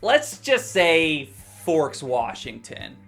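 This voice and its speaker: A man talks through a movie review in a casual vlog style, with a voice that sits a little high. He is wry and joking, and he swears casually. Faint music plays underneath. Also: very animated, very slow, creaky, fairly bright tone.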